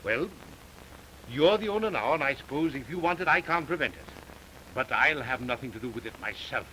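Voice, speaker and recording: Brief: a sarcastic sea captain, lively pitch, early talkie film sound with faint hiss. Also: male voice, fairly quick, rough recording. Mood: scoffing. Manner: scoffing, dry sarcasm. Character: skeptical, sarcastic ship captain man.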